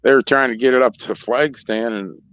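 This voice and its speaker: A man's voice: mid-range voice, fairly quick, fairly bright tone, smooth, dry recording. A man co-hosting a racetrack show in casual chat, rambling through restarts and laughing often. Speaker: racetrack co-host. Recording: dull lo-fi sound.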